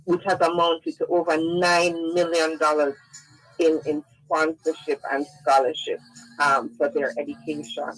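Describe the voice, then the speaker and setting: A woman's voice: sits low, no room sound, low-quality recording. Businesswoman on the radio explaining stuff, dry close sound. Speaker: head of sales and marketing, guest. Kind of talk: radio interview.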